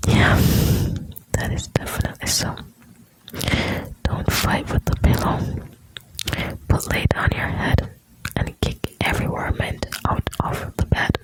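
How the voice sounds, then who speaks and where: A woman whispering close to the ear in an intimate, soothing ASMR style, reading out short lines and chatting softly to the listener. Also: a little slow, low-quality recording. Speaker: ASMR host reading quotes.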